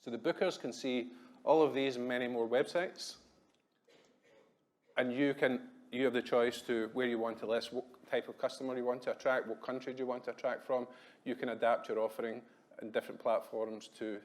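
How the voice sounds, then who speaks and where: Glaswegian man, thirties, conference talk, quick and chatty, self-deprecating, frequent ums. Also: medium pitch, steady tone. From Scotland. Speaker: conference speaker. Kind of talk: business presentation. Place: hotel conference room.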